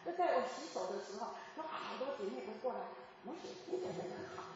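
A woman in her seventies preaching a sermon, telling a lively story with laughter and bursts of chanted lines. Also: on the high side, fast, background noise. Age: 70s. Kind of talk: sermon testimony. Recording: echoey hall from far off, dull.

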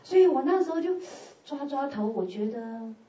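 Animated woman preaching in a roomy hall. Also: high-pitched, moderate pace. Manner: animated, swings from loud exclamations to hushed prayer, laughs often. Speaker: church speaker giving testimony. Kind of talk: sermon testimony. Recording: roomy, distant and dull church sound.

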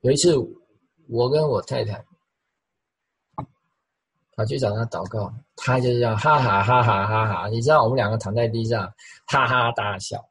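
A middle-aged man preaching with a deeply raspy, breathy voice. He is lively and demonstrative, repeats phrases for emphasis and acts out the sounds he talks about. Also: normal speed, long pauses, poor audio. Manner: animated, vocally imitates the sounds he describes. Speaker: pastor. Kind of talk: sermon.

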